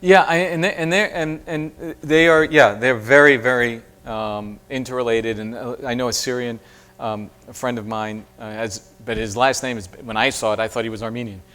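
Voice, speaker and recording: A man's voice: mid-range voice, steady tone, moderate pace, a bit bright. A man giving a university lecture and answering audience questions, speaking thoughtfully with many fillers and restarts. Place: lecture hall.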